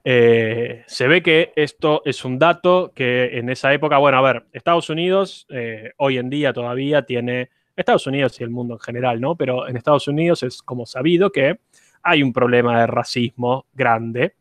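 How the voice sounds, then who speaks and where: A man's voice: medium pitch, normal speed, fairly bright tone, no room sound. A man teaching an online university class, explaining step by step and putting questions to his students. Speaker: university lecturer.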